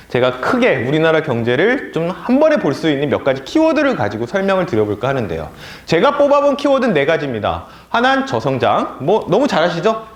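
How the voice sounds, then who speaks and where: A male lecturer teaching a political education class, with a slightly high voice that swoops up and down in lively bursts. He is animated and now and then mimics opponents in a sneering tone. The sound comes from an echoey lecture room.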